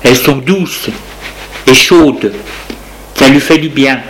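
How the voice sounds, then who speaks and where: Slow-reading man telling a story. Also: mid-range voice, fairly bright tone, a little hiss or hum, poor audio. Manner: slow, measured reading in short phrases.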